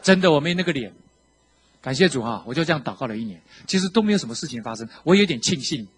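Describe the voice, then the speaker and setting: A man with a Taiwanese Mandarin accent giving a sermon testimony, telling his story with animation and acting out the quotes, shifting between hushed and loud. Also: a little high, lively intonation, quick pace, slight background noise. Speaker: preacher sharing his testimony.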